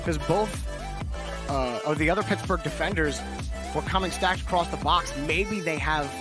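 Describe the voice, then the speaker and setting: A man's voice: fairly high pitch, normal speed, music in the background. A man doing esports play-by-play commentary as a caster, calling the action in clipped phrases.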